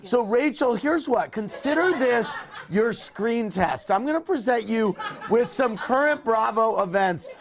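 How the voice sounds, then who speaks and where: High-voiced, gravelly man hosting TV. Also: expressive, measured pace, crowd noise, noisy background. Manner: playful, teasing. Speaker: talk show host. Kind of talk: scripted TV talk show hosting.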